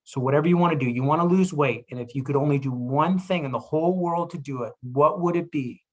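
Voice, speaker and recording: A man's voice: a little high, fast talker. Man giving an urging health pep talk. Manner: energetic, urging, repetitive. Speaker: chiropractor.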